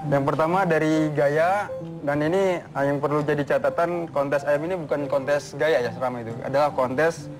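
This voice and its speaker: A man appearing as an expert guest on a studio talk show, explaining in a steady, methodical way. His voice sits slightly high. Music runs beneath the conversation. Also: moderate pace. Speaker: guest, chicken contest expert. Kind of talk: explaining in an interview.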